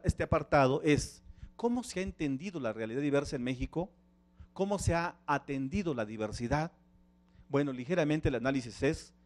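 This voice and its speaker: A middle-aged man whose first language is Tzeltal gives a talk as a panel speaker in a conference hall, his voice a little high and a little mellow. He keeps the audience engaged by asking them questions.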